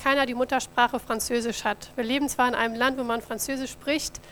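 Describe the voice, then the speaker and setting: German woman talking to a church crowd about mission work, kinda high voice, faint hum in the background. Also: steady tone, fairly quick, fairly bright tone. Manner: friendly, addresses audience directly. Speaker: missionary office coordinator. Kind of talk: church mission report with slides.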